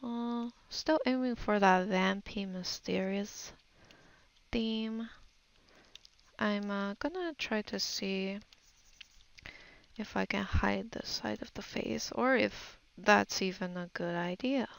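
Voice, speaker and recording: A digital artist gives an unscripted voice-over of her painting process, musing hesitantly as she thinks aloud while working on a tutorial. Her mid-range voice is slow with vocal fry, and there's no echo.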